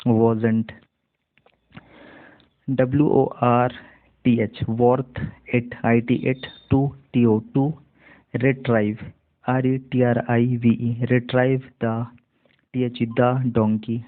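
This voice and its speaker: Slow, flat-voiced Indian man teaching reading. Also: mid-range voice. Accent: Indian English. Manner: spells words letter by letter, then repeats them slowly. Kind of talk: spelling and reading lesson. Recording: tinny phone-like audio.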